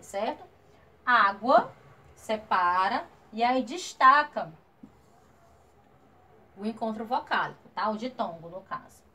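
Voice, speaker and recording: Masked teacher, woman, a little high-pitched, patient, explains step by step, constant "right?" check-ins. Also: a bit bright. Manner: patient, checks in often with "tá?" and "certo?". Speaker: primary school teacher. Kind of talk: recorded grammar lesson for children. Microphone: wearing a face mask.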